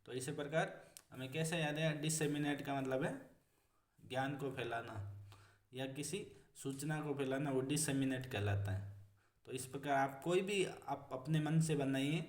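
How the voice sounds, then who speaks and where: A male teacher giving a vocabulary lesson, explaining each word slowly and repeating meanings, calling his students friends. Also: medium pitch, distant mic. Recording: echoey room, voice off-mic.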